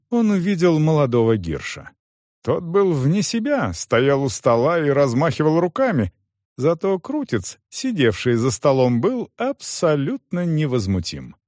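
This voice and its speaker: Slow, expressive male audiobook narrator. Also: on the high side, no echo, studio quality.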